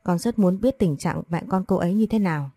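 A woman narrating as a stubborn young man from a storybook who will not take no for an answer. Her voice stays low and mellow, with a dry, close sound. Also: brisk, slightly rough, no room sound. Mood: pleading.

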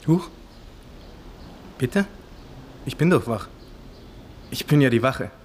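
In naturalistic radio drama dialogue over clearly noisy ambience, an actor plays a timid, dutiful 21-year-old police guard with a Bavarian accent. His mid-range male voice is sing-song and slow, plain-spoken and hesitant, sounding startled, defensive and evasive.

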